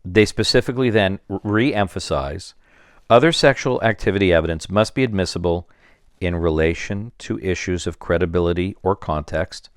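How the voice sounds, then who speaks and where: A man's voice: sits low, moderate pace, clear, resonant tone, dry recording, studio quality. A man who is a criminal defence lawyer, reading out court rulings steadily in formal legal phrasing during a discussion.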